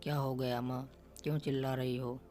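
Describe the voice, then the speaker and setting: A man's voice: mid-range voice, level tone, fairly quick, darkish tone, soft background music, close to an everyday voice. A man voicing an evasive young husband in a storybook reading, brushing off the problem. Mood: dismissive. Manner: dismissive.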